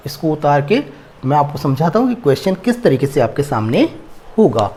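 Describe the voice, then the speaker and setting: A man teaching English grammar in a classroom-style lesson, slowly dictating word forms. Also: fairly high pitch, very animated, warm tone.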